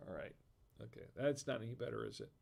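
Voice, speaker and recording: An American man hosting a relaxed live stream, rattling off one corny bar joke after another and chuckling at his own punchlines. His voice sits at an ordinary middle pitch, and between jokes he reads viewer comments aloud in an easy, chatty way. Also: fast, vocal fry. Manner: tells dad jokes and laughs at them. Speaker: livestream host. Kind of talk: casual live-stream chat.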